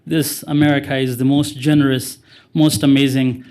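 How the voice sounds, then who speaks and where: A man's voice: mid-range voice, little pitch movement, moderate pace, darkish tone. A man from Afghanistan, a former interpreter giving earnest public remarks at a city council meeting. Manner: earnest, grammar slips, fervent.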